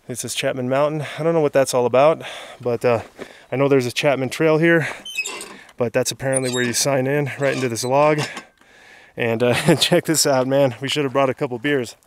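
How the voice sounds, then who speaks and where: A hiking vlogger in his thirties, originally from Southern California, talks casually to his handheld camera at arm's length on a mountain summit, exhausted from the hard climb but chatty and laughing a lot. His voice is medium in pitch, with a steady tone and moderate pace.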